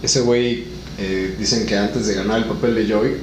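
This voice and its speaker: A man's voice: lowish voice, fairly even intonation, normal speed. Mexican male podcast co-host, rambling slangy chatter, roomy echo. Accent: Mexican Spanish. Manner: rambling, lots of fillers and slang. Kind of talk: casual chat. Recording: echoey room, faint noise.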